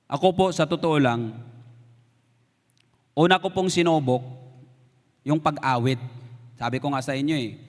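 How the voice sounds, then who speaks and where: A man's voice: a little high, in a large hall. A man with a Filipino accent preaching a sermon, telling personal stories and acting out what people said. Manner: storytelling, animated, acts out quoted lines. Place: church sanctuary.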